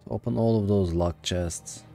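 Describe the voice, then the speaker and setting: A man's voice: lowish voice, normal speed, vocal fry, mellow, faint music behind. A man casually commenting while playing a video game, muttering reactions as he goes. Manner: reactive, muttering exclamations between reading.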